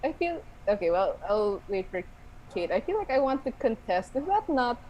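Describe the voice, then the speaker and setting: A woman's voice: a little high, big pitch swings, moderate pace, lo-fi sound, a little hiss or hum. A woman narrating casually as game master of a tabletop role-playing game.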